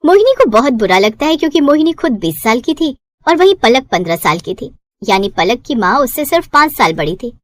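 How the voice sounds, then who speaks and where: Woman narrator, cartoon story, high voice, dry close sound. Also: big pitch swings, brisk, dry recording.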